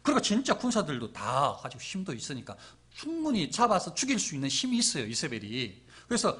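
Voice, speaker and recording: A middle-aged man preaching a sermon as pastor, telling the story with lively acted-out quotes. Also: a little high, brisk, breathy edge.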